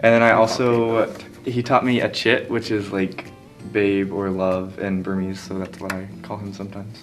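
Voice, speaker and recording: A man's voice: lowish voice, level tone, normal speed, faint music behind. A young American man answering interview questions casually, with lots of "like" fillers. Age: young adult. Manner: casual, filler-heavy with frequent "like".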